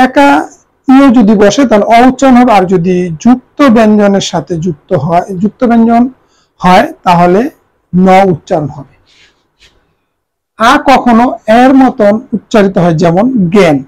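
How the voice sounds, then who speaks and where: A woman's voice: mid-range voice, mellow, poor audio. A woman who teaches a grammar lesson, explaining step by step and repeating each answer.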